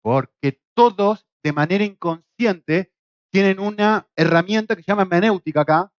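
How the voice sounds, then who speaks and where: A middle-aged Argentine man teaching a Bible course, lecturing lively and acting out quoted voices. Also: sits high, moderate pace, no echo, lo-fi sound. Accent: Argentine Spanish. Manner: lively, acts out quoted voices with shouts and jokes. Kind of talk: classroom lecture. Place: classroom in Spain.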